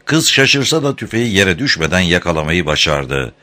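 A man narrating an audiobook chapter in an expressive, dramatic reading style. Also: low-pitched, normal speed. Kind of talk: scripted narration.

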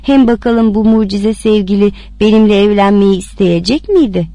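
A woman reading a story aloud with expressive narration. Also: medium pitch, moderate pace, no room sound. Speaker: reader.

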